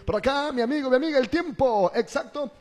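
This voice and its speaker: A man's voice: extremely high pitch, a little fast, over loud music. A man with an Ecuadorian accent hosting an informal radio show, chatting colloquially and repeating his phrases. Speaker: radio host.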